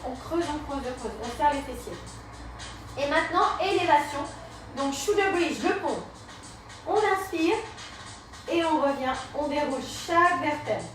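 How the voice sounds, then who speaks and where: A woman's voice: high-pitched, expressive, a little slow, long pauses, fairly bright tone. A woman instructor leading a live Pilates and yoga class, cueing breaths and movements step by step. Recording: very echoey room, mic far off, music behind.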